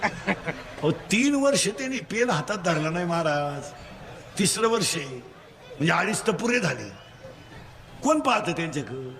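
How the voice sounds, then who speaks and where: A Marathi-accented man delivering a comic kirtan sermon in a very high voice. He works the crowd in quick call-and-response and scolds the schoolboys with playful mockery. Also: very animated. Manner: rapid call-and-response, drilling the crowd to answer. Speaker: kirtan preacher.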